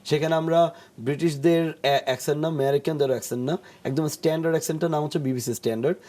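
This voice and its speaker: Mellow, higher-voiced man on a talk show. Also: steady tone, racing. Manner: explains patiently, acts out jokes in English, many hesitation sounds. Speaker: studio guest, English pronunciation teacher. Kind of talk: explanatory talk-show conversation. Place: TV studio.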